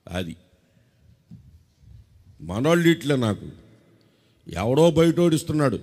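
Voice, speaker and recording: With a mid-range voice echoing through a large space, this Telugu-accented pastor delivers a playful sermon. He teases and quizzes the congregation, draws them into call-and-response, and sometimes bursts into song.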